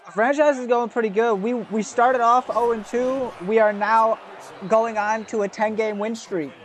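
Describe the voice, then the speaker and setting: Streaming a football video game, a young man keeps up casual live commentary, cursing frequently and calling out viewers by name. His voice is extremely high, with a steady tone and a moderate pace.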